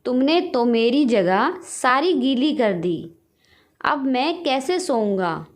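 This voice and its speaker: A woman's voice: high-pitched, sing-song, slow, exaggerated voice. A woman voicing an impatient, short-tempered grown son in a storybook tale, complaining and irritable. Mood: irritated.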